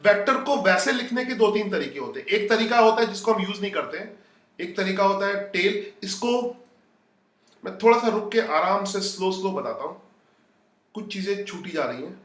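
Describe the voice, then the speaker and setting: A man's voice: high-pitched, lively intonation, normal speed, a bit bright, reverberant, distant mic. A man teaching a physics lesson live. He talks to his students casually and breaks off to read their comments. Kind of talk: live online lecture.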